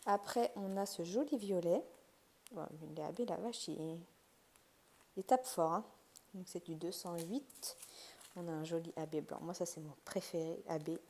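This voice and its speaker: Chatty French-speaking woman, mellow voice. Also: lowish voice, normal speed. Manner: chatty, thinking aloud, lots of fillers and restarts. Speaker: craft channel host. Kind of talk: casual unboxing commentary.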